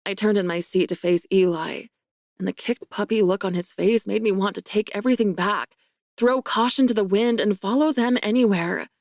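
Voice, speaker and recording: A woman giving first-person romance audiobook narration in a wry, lively, self-mocking way. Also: mid-range voice, moderate pace, dry recording, studio quality.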